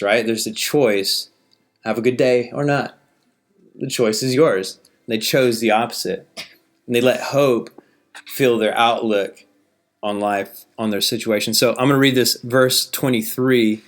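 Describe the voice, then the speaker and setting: A man delivering a sermon in a relaxed, conversational manner. His voice sits at an ordinary middle pitch. He reads scripture aloud and often checks in with his listeners through rhetorical questions. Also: measured pace. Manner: casual, conversational preaching with many rhetorical questions.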